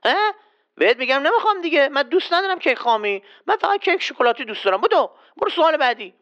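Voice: high voice, big pitch swings, fairly bright tone, highs cut off, full character voice. A performer voicing a childish, easily offended man who says L in place of R, in a children's quiz skit. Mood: petulant. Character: silly round man who can't say R. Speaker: quiz contestant.

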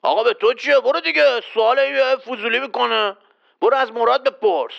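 A performer voicing a gruff, boastful man in a children's quiz skit, bossy and quick to threaten the host. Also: mid-range voice, lo-fi sound. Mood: smug. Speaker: quiz contestant.

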